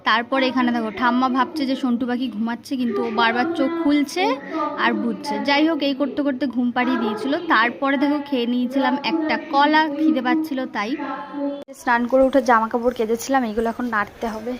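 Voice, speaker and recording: A young woman, hoarse from a cold, chatting casually through her daily vlog. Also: a little high, fairly even intonation, fast. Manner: chatty, breezy running commentary. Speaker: vlogger. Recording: noisy home and street ambience.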